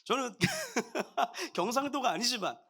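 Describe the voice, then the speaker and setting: Bright, animated male pastor preaching. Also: extremely high pitch, slow, gravelly, husky. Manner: animated, jovial preaching with frequent laughter; addresses the congregation directly. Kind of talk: sermon.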